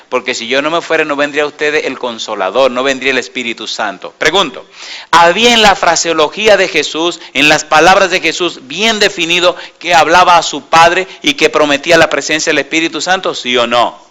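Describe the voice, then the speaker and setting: A man's voice: fairly high pitch, a little fast. A man preaching a sermon to a congregation, asking them yes-or-no questions and telling stories with quoted dialogue. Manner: asks the congregation call-and-response questions; storytelling with quoted dialogue, swings from loud to quiet.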